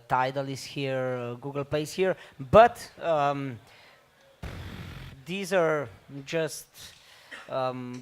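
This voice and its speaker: A man with a Slovenian accent answers questions on a conference panel. His voice is smooth and resonant. He pauses often and fills the gaps with ums. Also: medium pitch. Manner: halting, with many ums. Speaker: panelist, label owner.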